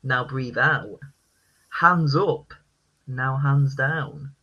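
A man hosts a casual podcast quiz, reading each clue in a deliberately deadpan delivery. His voice is bright and a little husky, and the recording sounds dull and lo-fi. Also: mid-range voice. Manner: reads lyrics in a deadpan voice. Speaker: quiz host.

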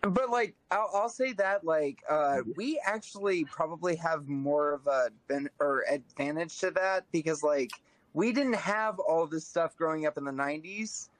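A man's voice: fairly high pitch, normal speed, rough recording. A man in his thirties in casual group chat, telling his story easygoingly with stammered restarts.

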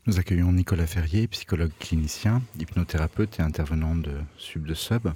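A male host welcoming a guest, talking quickly and correcting himself. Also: low voice, warm tone, slightly rough.

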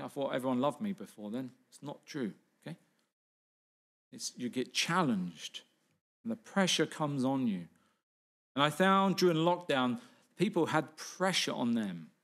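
A man's voice: medium pitch, vocal fry. A middle-aged man preaching a sermon as pastor, earnest, asking rhetorical questions and repeating key phrases.

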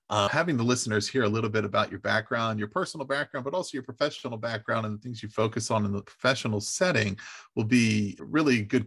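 A man's voice: lowish voice, a bit bright. A man hosting an interview podcast, asking long, winding questions with frequent restarts. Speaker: podcast host.

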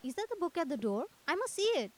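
In a scripted radio drama, a woman plays an earnest, eager young male artist who speaks in wordy, old-fashioned phrases. Her voice is high-pitched, very animated, and quick, with a little hiss or hum.

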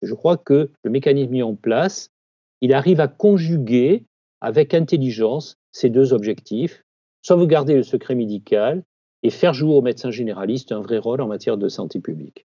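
A man's voice: mid-range voice, expressive, moderate pace, warm tone, husky, dry recording, muffled recording. A man who leads a doctors' union, giving firm, persuasive interview answers.

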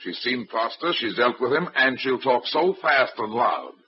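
In 1940s-style radio acting, a man plays a wisecracking, hard-boiled male private eye who is both narrator and lead detective, with a wry, clipped tough-guy delivery. His medium-pitched, natural voice swings widely in pitch at a normal speed. The old radio recording sounds dull.

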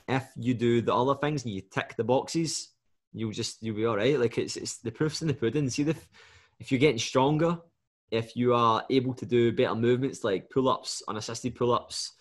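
A Scottish man with a mid-range voice hosts a relaxed podcast conversation. He talks animatedly and tells stories, often checking in with his listener. His manner stays casual and chatty throughout. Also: medium pitch, a little fast. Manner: animated, storytelling, asks "do you know what I mean" often. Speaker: podcast host and fitness coach.

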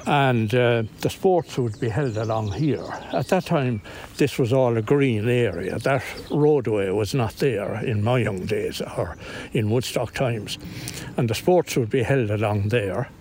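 An older man from Inistioge, County Kilkenny, Ireland, speaking with an Irish accent, recalls local memories and folklore as an interviewee. His unscripted reminiscing is halting, in a medium-pitched, darkish voice, recorded on location outdoors in estate grounds with clear background noise.

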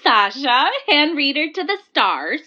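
An actress playing a grand, haughty psychic who speaks in a lofty, theatrical way, calling in to a radio show over the phone. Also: female voice, high-pitched, very animated, unhurried, sharp tone, heavily acted. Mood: mystical. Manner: lofty, theatrical, airy laughs. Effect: heard over the phone. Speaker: caller. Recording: muffled phone line.

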